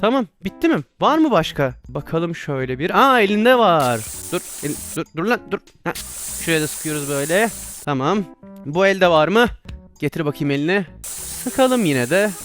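A man's voice: a little high, big pitch swings, moderate pace, a bit bright, faint music behind. A man playing a virtual reality doctor game, commenting casually and exclaiming and laughing at his own mistakes. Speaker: VR gameplay streamer.

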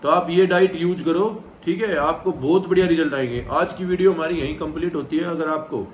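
A man's voice: fairly high pitch, fairly quick, a little hiss or hum. Roomy-sounding man explaining a diet plan. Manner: direct, repeats "theek hai" to check in with viewers. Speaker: gym trainer. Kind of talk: casual instructional vlog. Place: indoor room, seated on a sofa. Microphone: far camera, no visible mic. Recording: echoey room, mic set back.

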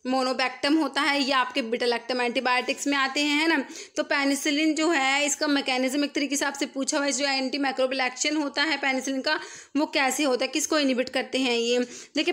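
Woman tutor, high voice, steady MCQ explainer. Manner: explains each answer and repeats key terms. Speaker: pharmacy exam tutor. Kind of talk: screen-recorded MCQ lesson. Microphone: voice-over on screen recording.

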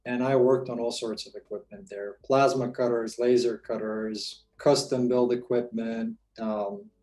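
Mellow-voiced man giving a casual workshop talk. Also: mid-range voice, level tone, a little slow, low-quality recording. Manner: casual, informal with many fillers. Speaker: workshop presenter. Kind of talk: live online presentation.

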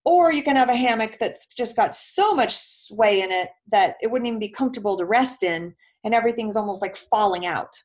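A woman's voice: fairly high pitch, animated, a little fast, few pauses. A woman physical therapist explaining in a casual question-and-answer talk, chatty, with many filler words and homely comparisons.

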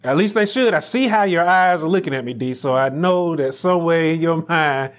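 A middle-aged man preaching a sermon from a pulpit in a small church room, building to near shouts on key lines. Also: on the high side. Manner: rising to near shouts on emphatic lines, slow deliberate phrasing. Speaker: pastor.

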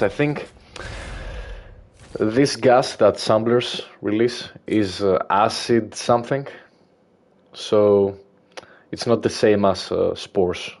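A man in his twenties chatting casually while streaming a game, reading and answering chat with relaxed fillers. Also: fairly low pitch. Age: 20s. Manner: reads chat aloud, slow and relaxed with fillers.

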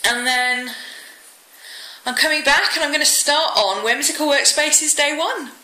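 A woman's voice: high-pitched, a little slow, pushed and bright. A British woman in her thirties chatting casually in a home vlog, slightly wheezy from a cold. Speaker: vlogger. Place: rooms at home, indoors. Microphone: handheld phone or camera. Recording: echoey room, some noise and clicks.

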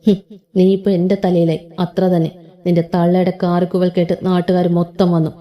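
A woman's voice: lowish voice, level tone, a little fast, highs cut off, close to an everyday voice. A woman voicing a cruel, domineering young husband in his twenties who talks in a harsh, taunting, threatening way. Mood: contemptuous.

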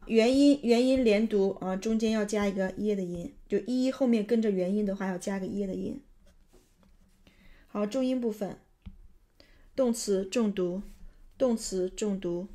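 A woman hosts a pronunciation lesson and walks through each rule methodically. Her voice sits at a middle pitch. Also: mellow. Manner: methodical, step-by-step explanation. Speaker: host and pronunciation tutor.

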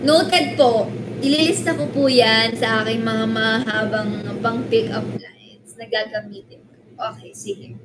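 A woman's voice: on the high side, measured pace. A young woman with a nasal, stuffy-nosed voice chatting casually on a live stream, giggling and greeting viewers by name. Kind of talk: casual live stream chat reading comments. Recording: steady background noise.

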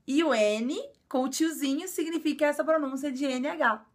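Brazilian woman, high voice, casual video teacher who repeats and explains patiently. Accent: Brazilian Portuguese. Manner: explains slowly and repeats words, frequent filler "é". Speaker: language teacher.

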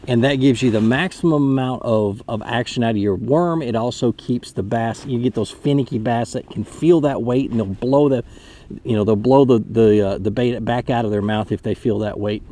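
Sitting in a kayak on a lake, a thirty-something fishing host walks the camera through a technique at a normal speed. His warm, mid-range voice stays chatty and explanatory, with many restarts, picked up by a close front-mounted camera.

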